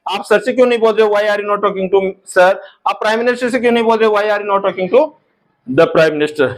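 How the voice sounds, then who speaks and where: Here a man with a high-sitting voice and an Indian accent teaches English grammar classroom-fashion. Hindi explanations fly past quickly, English sentences are stretched out slowly, and he calls the viewers son and daughter.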